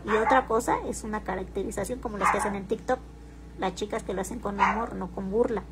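A woman's voice: medium pitch, steady tone, quick pace, heavy background noise. Teasing woman, crude slang. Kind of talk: casual livestream talk.

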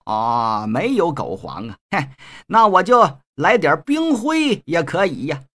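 A swaggering street bully with a rough, mocking bluster, as a storyteller puts him on. The voice is husky, and its pitch swings widely. It comes from a spoken storybook. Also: male voice, wildly swooping pitch, unhurried, pushed and bright, heavily acted. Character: brash swaggering male street thug, a bully.

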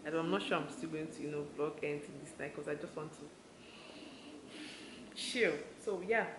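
Chatty and relaxed, a young adult Nigerian vlogger talks casually to camera from a hotel room, her low voice at normal speed and her talk loose and run-on. She has a Nigerian accent. The roomy recording, made on a handheld camera mic at arm's length, has clear background noise.

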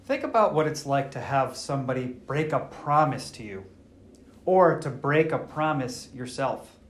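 A man serving as priest, reading the Gospel at Mass and then preaching a homily with a measured, storytelling delivery, his voice carrying a roomy church echo. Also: mid-range voice, lively intonation.

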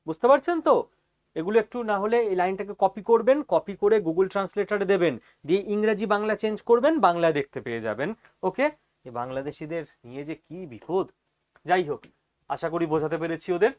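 A man's voice: high-pitched, animated, brisk. A man giving an explainer lecture as a teacher, speaking emphatically and often checking that listeners follow.

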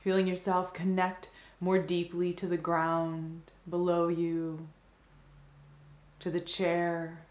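Her voice is low and her pace very even as she leads listeners through a meditation. Gentle, soothing phrases are separated by lengthy pauses, and the space around her rings with audible reverberation.

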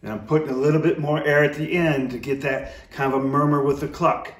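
A man's voice: on the high side, fairly even intonation, a little fast, a little hiss or hum. A middle-aged man giving a casual, folksy, rambling instructional demonstration as a calling coach. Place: indoor room with brick fireplace. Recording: roomy, echoey, distant microphone.

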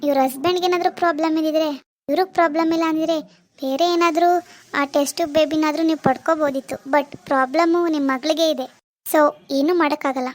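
A woman voicing a calm, blunt doctor in a cartoon, speaking in a firm, matter-of-fact way. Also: sits high, fast, natural voice.

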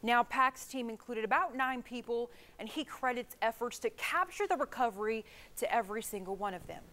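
A woman's voice: on the high side, fairly quick, fairly bright tone, slight background noise. A young woman with an American accent delivering scripted television news narration as a reporter.

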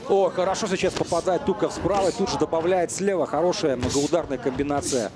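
A man with a slightly high voice commentates live on boxing. He talks analytically and conversationally over loud arena crowd noise. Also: steady tone, fast.

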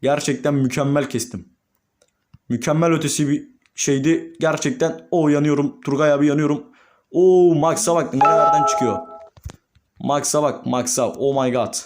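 A young man, a gaming YouTuber, commentating his own gameplay and swinging between calm murmurs and excited shouts. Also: a little high, moderate pace, slight background noise.

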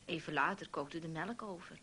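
A woman narrating a story for children, gently asking the young listener questions. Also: sits low, normal speed, a little hiss or hum.

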